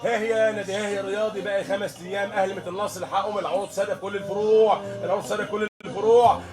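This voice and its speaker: An Egyptian man delivers a hard-sell shop promotion at breakneck speed over music. His voice sits high, and he hammers out offers in urgent, repetitive patter. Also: steady tone, rapid-fire. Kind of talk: hard-sell live sales pitch.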